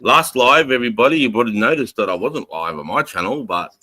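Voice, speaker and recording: Bright, sweary Australian man. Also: mid-range voice, animated, fairly quick. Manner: blokey, swears freely. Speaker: livestream host. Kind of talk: casual livestream chat and storytelling.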